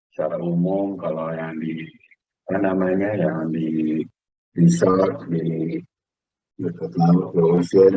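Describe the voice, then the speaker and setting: An Indonesian lecturer with a very low, slightly husky voice talks students through his lesson in a loose, conversational manner. He comes through a video call with a dry, dull, lo-fi sound. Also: no room sound. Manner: relaxed, conversational, frequent fillers. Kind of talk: online class lecture.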